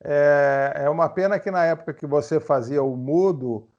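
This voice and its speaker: A male interviewer asks leading questions, often tagging on a teasing aside. His voice sits a touch high for a man and comes through muffled, with lo-fi audio that lacks sparkle. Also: moderate pace, darkish tone. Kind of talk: casual interview chat. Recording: dull lo-fi audio.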